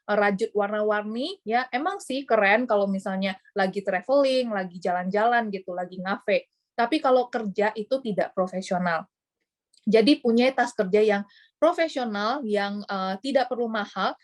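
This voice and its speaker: A woman giving casual training tips on presenting, chatty and full of fillers, acting out short examples. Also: mid-range voice. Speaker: sales trainer.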